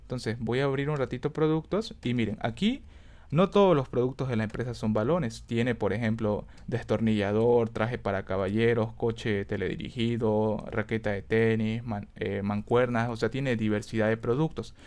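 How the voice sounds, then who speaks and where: A man's voice: mid-range voice, steady tone, normal speed, a little mellow. Man teaching step by step, checking in. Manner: self-correcting, thinks aloud. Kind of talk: screen-recorded coding lesson.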